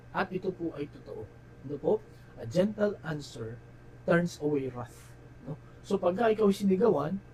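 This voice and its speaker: Filipino pastor preaching, slightly high voice, lots of "no?", faint hum behind. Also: male voice, darkish tone, rough recording. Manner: Tagalog-English code-switching, tag "no?" after phrases; slows and drops his voice for key phrases, rises in pitch and volume elsewhere. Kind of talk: sermon.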